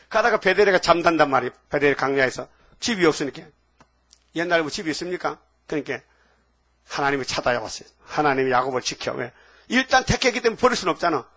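A man in his seventies preaching a sermon in a folksy, fiery way, with sudden loud outbursts. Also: fairly high pitch, animated, fast. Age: 70s. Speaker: pastor.

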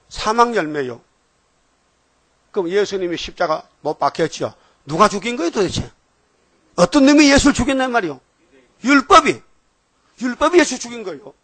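A man's voice: on the high side, a bit bright, no echo. An older man giving an informal, rambling sermon, often checking on listeners with short questions. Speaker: preacher.

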